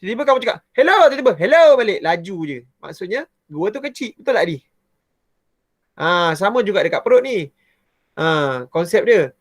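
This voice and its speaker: High-pitched malaysian malay guy teaching kids science, chatty and animated, dry close sound. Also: brisk, no echo. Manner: chatty and animated, often starting with "ha". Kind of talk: explaining a lesson to pupils.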